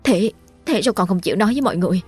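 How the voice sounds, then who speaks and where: A woman's voice: medium pitch, expressive, racing, darkish tone, breathy edge, faint music behind. A woman voicing an anxious, caring neighbor woman who stammers with hesitant fillers. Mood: nervous.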